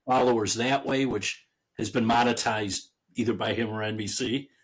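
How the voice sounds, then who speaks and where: This husky, slightly breathy man has a fairly low voice and a moderate pace, appearing as a guest author in a relaxed interview. Chatty and quick to laugh, he tends to trail off mid-sentence and begin his point anew.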